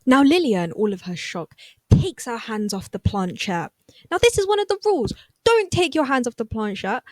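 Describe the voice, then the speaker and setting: A woman recapping a TV episode in a casual, chatty way, full of excitable asides. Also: a little high, no echo. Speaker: recap vlogger.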